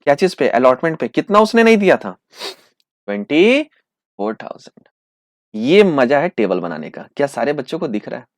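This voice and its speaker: A man teaching accountancy in with terms, asking questions and answering them himself, slowing right down to dictate entries. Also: medium pitch, no room sound. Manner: lively, asks and answers his own questions, slows to dictate entries. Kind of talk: classroom lecture acting out students' replies.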